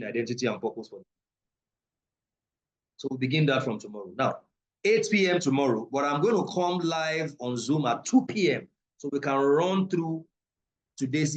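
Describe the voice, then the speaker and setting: Man, esoteric teacher, live online class, emphatic, repeats his points, mid-pitched voice. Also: rough recording. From Africa. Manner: emphatic, repeats key phrases, preacher-like.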